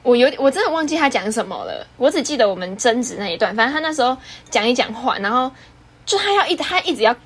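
A young woman in her twenties with a Taiwanese Mandarin accent, co-hosting a podcast in casual chat, teasing and quick to laugh. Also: a little high, very animated, a bit bright, husky. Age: 20s. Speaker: podcast co-host.

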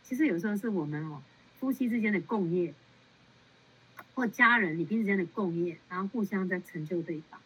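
A woman nun counseling a follower in a casual, animated way, laughing often and repeating words for emphasis. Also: medium pitch, brisk, slightly rough. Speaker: Buddhist nun giving counsel. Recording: muffled lo-fi sound.

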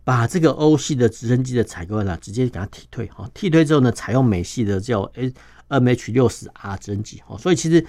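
A male defense journalist with a Taiwanese Mandarin accent explains things patiently and step by step as an interview guest, sprinkling small filler particles throughout. His mid-range voice moves fast and sounds steady. The studio recording is clean, with no room sound.

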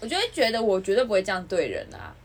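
A young woman speaking with a slightly husky voice. Her pitch swings widely as she vents in an animated, casual chat. She keeps breaking into imitations of other people. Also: very fast. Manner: animated ranting, mimics others. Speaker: podcast co-host.

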